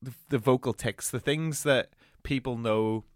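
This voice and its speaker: A man interviews a guest in a loose, informal chat, freely giving his own opinions. His voice sits at a middle pitch and the recording is dry, with little room sound. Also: a little slow, dry recording. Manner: informal, mild swearing, opinionated. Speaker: interviewer and show host.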